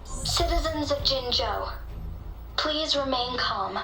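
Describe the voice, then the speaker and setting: A slow emergency loudspeaker announcement. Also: female voice, high-pitched, lively intonation, echoey room, over music, heavily acted, low-quality recording. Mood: calm. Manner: slow, measured, official announcing. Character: woman giving a calm official city-wide emergency announcement. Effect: pre-recorded broadcast over public loudspeakers.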